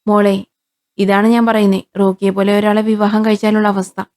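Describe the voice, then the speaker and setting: A woman's voice: medium pitch, little pitch movement, moderate pace, a little mellow, lightly acted. A woman voicing a stern, controlling older father in a storybook, lecturing his daughter. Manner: lecturing, persuasive.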